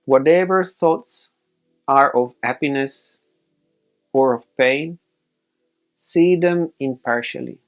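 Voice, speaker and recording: A man acting as a meditation teacher guides a session, giving measured instructions in short, separated phrases. His voice sits in the mid range, the audio is dull, and soft music plays in the background.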